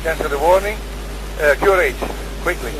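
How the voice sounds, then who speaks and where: A man's voice: on the high side, brisk. A man, an airline captain speaking on a cockpit headset mic, giving terse, clipped callouts and radio calls. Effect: pilot on a cockpit headset mic. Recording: cockpit voice recorder with loud engine noise. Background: loud engine and cockpit noise.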